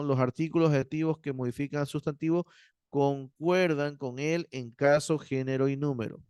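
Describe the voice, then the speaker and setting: A man teaching a Greek grammar class, explaining patiently and checking in with his students, slowing down to spell out word endings. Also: on the high side, darkish tone, smooth, no echo, studio quality. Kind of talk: university Greek grammar lecture.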